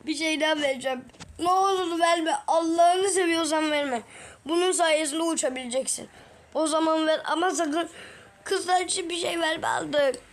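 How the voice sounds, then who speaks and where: Very high-voiced excitable woman. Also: normal speed, a little hiss or hum. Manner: excitable, exclaiming and teasing. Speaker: gaming video creator. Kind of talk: voicing several characters in a game video.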